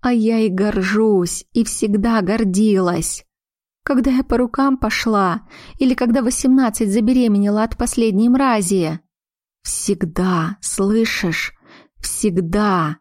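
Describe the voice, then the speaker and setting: A woman voicing a stern, sharp-tongued older mother who speaks slowly and bluntly, as a read audiobook. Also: medium pitch, dry recording, clean studio sound, pitched above the performer's own voice, close to an everyday voice. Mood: tender.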